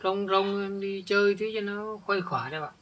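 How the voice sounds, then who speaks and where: Guy doing older village dude kicked out by his jealous wife, stammery, bright edgy voice. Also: high-pitched. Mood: weary. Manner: halting, repeats words when upset. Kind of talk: village family drama acting.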